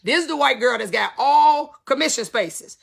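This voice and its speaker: A woman's voice: high voice, expressive, normal speed, gravelly. A woman in her fifties, a salon business educator, talking candidly and emphatically to her viewers in casual slang. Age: 50s.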